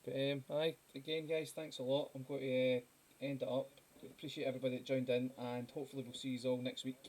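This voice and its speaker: Male stream host, middle pitch, laid-back, chatty sign-off. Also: fast talker. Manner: relaxed, rambling, thanking viewers. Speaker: host of a live drawing stream. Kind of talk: casual chat.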